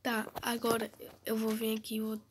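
A teenage girl, who has a cold and talks softly and low, close to a whisper, in casual gameplay commentary. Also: monotone, normal speed, background noise. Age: teens. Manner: speaks softly and low, often near a whisper. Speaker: gamer vlogger.

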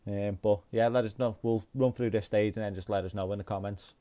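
A man's voice: fairly low pitch, steady tone, brisk, mellow, dull audio. A man hosting a sim racing video, talking casually to viewers in an informal, somewhat hesitant way at home. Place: indoor home sim rig.

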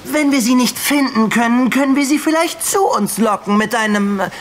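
A man's voice: very high-pitched, normal speed. A young man playing a vain, pompous sheriff villain, commanding and smug, in dubbed children's TV comedy. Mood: scheming. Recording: loud crowd and noisy ambience behind.

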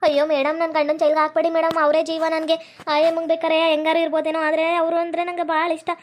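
A woman's voice: extremely high pitch, monotone, fast, a little hiss or hum. A woman with a North Karnataka Kannada accent playing a wronged wife who complains and pleads in a whining way. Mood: pleading.

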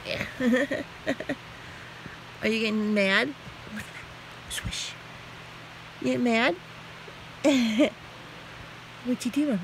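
A woman's voice: fairly high pitch, drawn-out words, long pauses, slight background noise, low-quality recording. A woman at home filming her cat, talking to it in playful baby talk and mewing back at it. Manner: playful, laughing, coos and meows at the cat. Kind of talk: casual baby-talk to a pet. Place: home, indoors.

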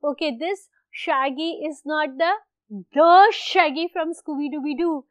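A woman teaching an English lesson. She speaks slowly and deliberately, repeating and stressing words, and moves between Urdu and English explanations. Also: high-pitched, dry recording, lo-fi sound. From Pakistan. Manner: deliberately slow, repeats and stresses each word. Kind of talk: recorded classroom lecture.

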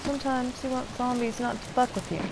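Talking quickly in a fairly high, steady voice, this young woman streamer gives casual live commentary on her game, full of swearing, jokes and sarcasm. Game audio plays underneath, making the clip noisy.

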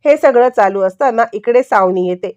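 A woman narrating a TV serial episode in a quick storytelling manner, briefly acting out the characters' lines. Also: fairly high pitch, a little mellow, dry recording. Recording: dry, muffled lo-fi sound.

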